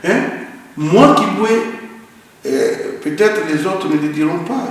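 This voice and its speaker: Recorded from a distance in a roomy, echoey hall with faint noise, this Congolese guest from the DRC speaks a little slowly in a high, expressive voice. He gives earnest, emphatic interview answers and keeps repeating words as he looks for the right ones.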